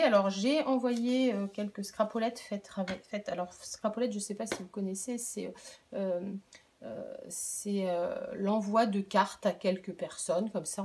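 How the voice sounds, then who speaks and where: A woman's voice: medium pitch, darkish tone. Chatty middle-aged woman showing craft supplies. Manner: chatty, hesitant, many fillers and restarts. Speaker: crafting vlogger and product demonstrator. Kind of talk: casual show-and-tell vlog. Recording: faint background noise and clicks.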